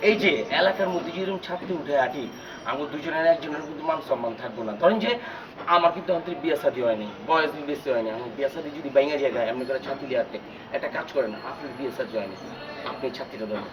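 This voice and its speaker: An actor playing a young gossiping sidekick with sly tattling. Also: male voice, on the high side, rapid-fire, background noise, close to an everyday voice. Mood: gossipy. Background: music.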